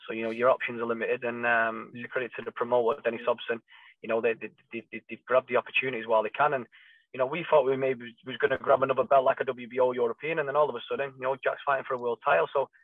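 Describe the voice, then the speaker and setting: A man's voice: medium pitch, flat delivery, racing, no echo. A man, a boxing trainer, answering interview questions in an emphatic, conversational way over a thin, phone-like connection. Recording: thin phone-like call audio, dry.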